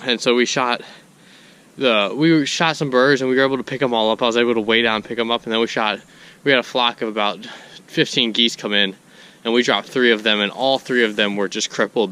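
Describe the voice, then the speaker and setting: A man's voice: lowish voice, pushed and bright, clear, resonant tone. A young man, out of breath, telling a rambling vlog story to camera while walking outdoors through woods. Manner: rambling, self-correcting storytelling. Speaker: hunting vlogger. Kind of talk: casual vlog narration to camera.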